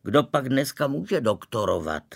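A man reading a storybook aloud, voicing a fussy, preachy middle-aged aunt in a thin, shrill, indignant voice. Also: very animated, gravelly. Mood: scolding.

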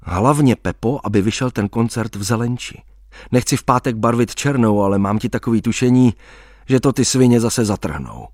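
A man voicing a rowdy, crude, drunk young rocker who swears and talks loudly. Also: medium pitch, expressive, no room sound, studio quality, natural voice. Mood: confiding. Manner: loud, coarse, swearing.

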